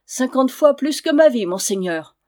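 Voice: mid-range voice, normal speed, warm tone, natural voice. A reader voicing a timid, naive young village man answering a knight in an audiobook. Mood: earnest. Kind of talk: audiobook reading.

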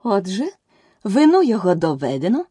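A woman's voice: mid-range voice, wildly swooping pitch, moderate pace, dark tone, slightly rough, no echo, clean studio sound, pitched above the performer's own voice. Woman doing a bossy bloodthirsty queen. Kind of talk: audiobook character voice.

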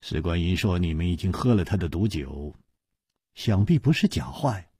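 A man voicing a calm, thoughtful male hero who speaks quietly and in measured phrases. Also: deep voice, husky, no room sound, clean studio sound, pitched below the performer's own voice. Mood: pensive.

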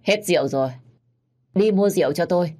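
A harsh, drunken middle-aged father snaps and shouts at his wife and daughter, put on by a woman with a naturally low voice. His threats come out loud and sharp. He sounds like a man who rules the house by force. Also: fast, close to an everyday voice. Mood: angry. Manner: shouting, scolding.

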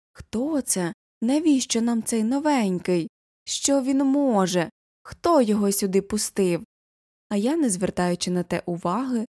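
A woman narrating a children's novel as an audiobook, expressive, lifting her voice for the quoted characters. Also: mid-range voice, no echo, studio quality.

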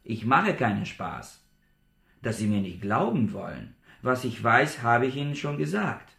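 A man's voice: medium pitch, sing-song, a little slow, creaky, fairly bright tone, echoey room, exaggerated voice. A man reading an audiobook, voicing an accused male bank clerk in a guarded, earnest manner.

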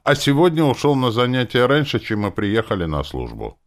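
A man's voice: medium pitch, huge pitch swings, fairly quick, pitched above the performer's own voice. A man voicing an eager, earnest young boy in an audiobook, talking in a chatty way. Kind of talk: audiobook character voice.

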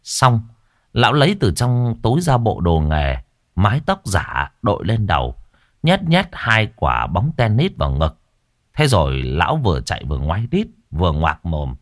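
A man telling a comic horror tale in a lively, colloquial way. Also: low-pitched, moderate pace, dry recording, clean studio sound.

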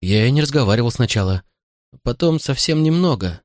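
Reading an audiobook, a man voices a frightened young boy who sobs and pleads through tears with his stern father. His medium-pitched delivery is lively, brisk and lightly acted, raised above his natural voice, in a dry, clean studio recording.

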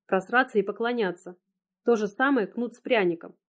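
A woman narrating an emotional first-person story in an audiobook. Her voice sits at a middling pitch and her storytelling is tense. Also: brisk.

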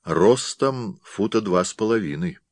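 A man's voice: lowish voice, lively intonation, a little slow, no echo, clean studio sound. A man voicing anxious, cautious Henry. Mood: wary. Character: wary, anxious male sled traveler Henry. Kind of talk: audiobook character reading.

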